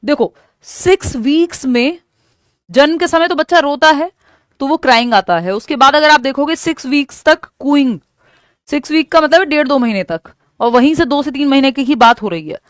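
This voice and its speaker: A woman with an Indian accent teaching an exam-prep lecture, explaining each answer step by step and reading English questions slowly. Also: high-pitched, expressive, no room sound, clean studio sound.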